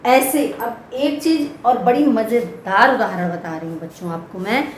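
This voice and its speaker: A woman's voice: on the high side, normal speed. A woman teaching a grammar lesson for children, patiently repeating example words one at a time. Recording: echoey room with faint background noise.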